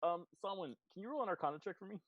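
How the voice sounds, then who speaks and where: A game master narrating a tabletop game in a relaxed, halting way with lots of fillers. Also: mid-range voice, no room sound, muffled recording.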